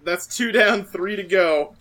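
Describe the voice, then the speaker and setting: A man's voice: high-pitched, measured pace, crowd noise. A man hosting a casual panel podcast about video games, moderating the group over an online call. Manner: moderates the group, often laughing. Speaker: podcast host.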